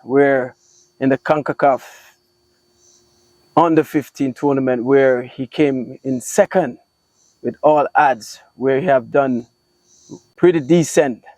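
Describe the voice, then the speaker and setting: A man's voice: mid-range voice, takes it slowly, pauses often, no echo, low-quality recording. A man hosts a casual podcast in a mid-range voice. He asks his questions eagerly and often stumbles and restarts. The recording is close and dry. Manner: warm and encouraging, stumbles over his words. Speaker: podcast host. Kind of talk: casual interview chat.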